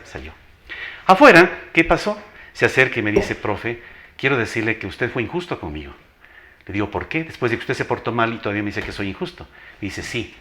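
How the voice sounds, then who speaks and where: Speaking with an Ecuadorian accent, an older man who has long worked as a teacher recounts anecdotes during an interview. He is emphatic, repeats phrases, and dramatizes dialogue in a strong, announcer-like voice that is lowish and fairly bright.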